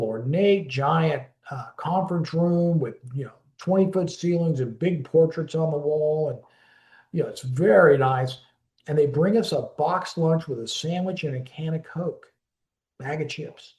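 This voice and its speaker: Rambling storyteller man in an echoey room. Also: a little high. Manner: rambling, with frequent restarts and lively quoted dialogue. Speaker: interviewee recalling a friend. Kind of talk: casual oral history storytelling.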